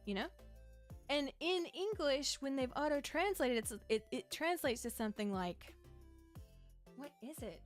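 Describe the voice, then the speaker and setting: A woman's voice: sits high, expressive, moderate pace. Chatty young woman streamer. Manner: chatty and rambling, frequent laughs and restarts. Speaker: VTuber streamer. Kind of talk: casual livestream chat while gaming. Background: faint game music.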